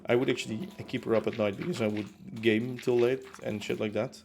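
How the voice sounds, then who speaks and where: A young man streams from a home room in his concrete apartment while building in a game, chatting casually and rambling with plenty of fillers and restarts. His medium-pitched voice is steady and fairly quick, with vocal fry and a darkish tone. There's a little hiss or hum in the audio.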